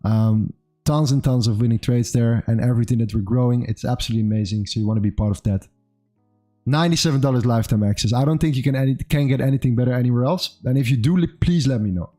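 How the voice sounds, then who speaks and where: This livestream host and trader is a man in his twenties with a warm, mid-range voice and a quick delivery. He stays upbeat through his casual market talk, often dropping "bro" and "amazing" over soft background music.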